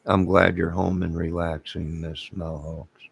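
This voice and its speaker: A middle-aged livestream host has a very low, deeply gravelly voice worn hoarse from singing. He drawls slowly with a flat delivery, rambling loosely through a late-night casual live chat and greeting his viewers one at a time.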